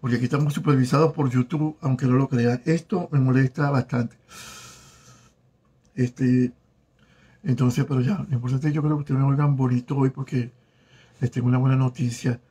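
A man in his forties, a former telenovela actor, chatting casually on a live stream, greeting viewers by name with warm, flirtatious charm. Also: mid-range voice, fairly even intonation, husky. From Venezuela. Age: 40s. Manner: warm, flirtatious, reads viewer names aloud haltingly. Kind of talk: casual live-stream chat reading comments. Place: home in South Florida.

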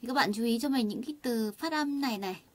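Chatty woman teaching Korean words. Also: fairly high pitch. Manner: chatty, many fillers and rhetorical questions to students; models Korean words slowly for students to repeat. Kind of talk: online lesson explaining vocabulary and grammar.

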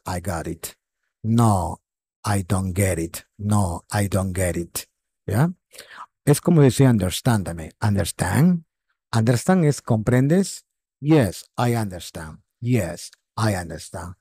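Man, English teacher, slow drilling repetition, low and mellow voice, dry close sound. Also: breathy edge, dry recording. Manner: slow, repeats words for drilling. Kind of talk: online English lesson.

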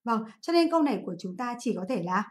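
A woman from Vietnam teaches an exam review lesson over a livestream, and her voice sits a little higher than most women's. She keeps asking the class questions and answering them herself. She repeats the practice words slowly so the students can follow. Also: lively intonation. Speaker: English teacher.

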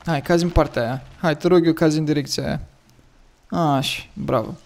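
A fairly high-pitched man with a Romanian accent talks his way through a game in easy, rambling commentary. His morning voice is gravelly and a little hoarse. A faint background noise sits under the desk mic. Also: darkish tone. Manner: chatty, thinks aloud while playing. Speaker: gaming commentator. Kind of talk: casual gameplay commentary.

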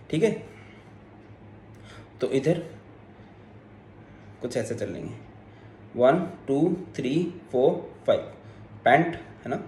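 A man's voice: mid-range voice, darkish tone, reverberant. A man teaching a chemistry lecture online, explaining step by step, switching into English terms and joking with his students.

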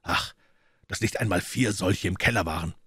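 A grim, hard-drinking musketeer, read by a man in a very low, subdued voice. He sounds bitter and brooding in an audiobook, recorded dry and close. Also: normal speed, a bit bright, breathy edge, no room sound, heavily acted. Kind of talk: audiobook character reading.

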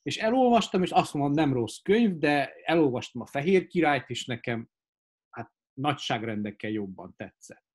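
A man's voice: medium pitch, animated, darkish tone, slightly rough. A man telling rambling anecdotes in a casual live pub chat, with many fillers.

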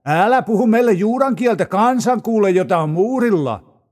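Anxious male officials plead hurriedly in a high voice, as a male reader voices them. The delivery is urgent and tense, and the words come quickly. It is part of a dramatized audio scripture reading. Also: expressive, a little mellow.

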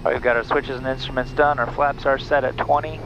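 Talking fast at a medium pitch with little pitch movement, a man in his thirties flies a small plane as a bush pilot. He works methodically through his checklists aloud on a headset and handles radio calls. The headset audio is muffled over engine noise.

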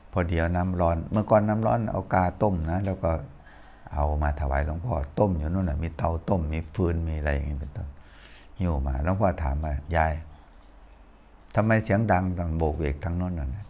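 A man's voice: extremely low pitch, creaky, a little mellow. An older man, a Buddhist monk, giving a casual, folksy sermon full of anecdotes and chuckles. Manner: chatty, folksy, chuckles while telling stories.

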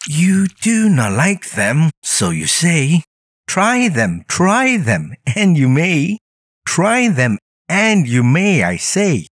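Man putting on a high, pushy little storybook creature. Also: wildly swooping pitch, takes it slowly, no echo, studio quality, full character voice. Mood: insistent. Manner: insistent, sing-song coaxing. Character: pushy, eager, high-voiced small creature pestering with food. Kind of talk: storybook character voice.

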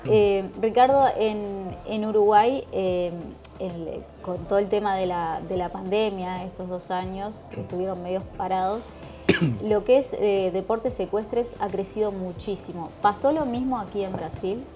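A woman hosting, asking a guest interview questions at an indoor stand on a handheld mic, encouraging and quick to agree. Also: mid-range voice, mellow. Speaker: interviewer and host.

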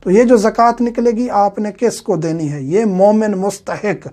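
A man teaching a religious lecture in a steady, explanatory way, with frequent filler sounds. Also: high-pitched.

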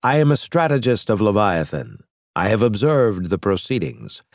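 A man's voice: on the low side, very animated, moderate pace, darkish tone, dry recording, studio quality. A man voicing a calculating male alien strategist with a scratchy, clipped, condescending delivery in an audiobook. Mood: cold. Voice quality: scratchy disguised voice. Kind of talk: audiobook character voice.

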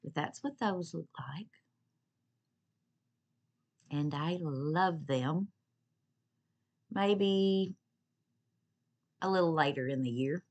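Her words drawn out and separated by long pauses, a woman casually reviews a shopping haul on camera at home, gushing and repeating herself with her pets around. She has a deep voice with a darkish tone.

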